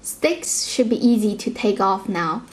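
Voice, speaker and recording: A woman's voice: medium pitch, expressive, a little slow, low-quality recording. A woman giving a casual cooking tutorial in her home kitchen, chatty and direct, with slightly non-native phrasing. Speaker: cooking vlogger.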